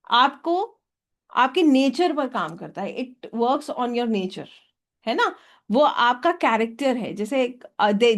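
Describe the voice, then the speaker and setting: A woman teaching a hypnotherapy workshop, often checking with her audience for a yes or no. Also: a little high. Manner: asks the audience for yes or no, mixing in English phrases. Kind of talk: workshop lecture.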